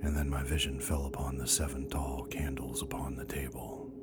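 A man playing a sinister old horror actor who tells bedtime stories in a slow, creeping, breathy whisper, in a radio play. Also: very deep voice, level tone. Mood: dread. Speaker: horror storyteller. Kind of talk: radio bedtime story narration. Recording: loud music behind.

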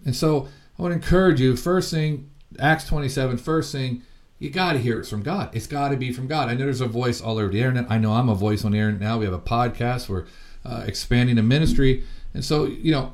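Gravelly-voiced man preaching earnestly. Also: mid-range voice. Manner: earnest and heartfelt, with frequent fillers and restarts. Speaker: ministry founder and preacher. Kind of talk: sermon teaching.

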